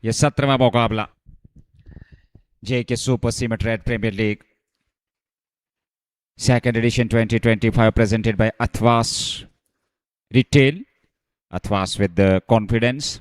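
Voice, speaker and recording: A man commentating live on a cricket match, getting excited as the play heats up. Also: mid-range voice, drawn-out words, pauses often, smooth, dry recording.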